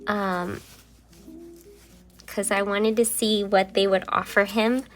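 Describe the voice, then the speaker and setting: With soft music in the background, a young woman journaling vlogger chats casually and slowly, her mid-range voice barely moving in pitch. She rambles with many fillers, sometimes going to a quiet half-whisper, and still sounds a little phlegmy from a cold.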